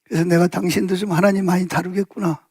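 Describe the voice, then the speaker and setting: A male pastor giving a Sunday afternoon sermon in a conversational storytelling way, full of fillers and asides, raising his pitch to act out quoted speech. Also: flat delivery, quick pace, a little mellow, breathy edge, dry recording, clean studio sound. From South Korea.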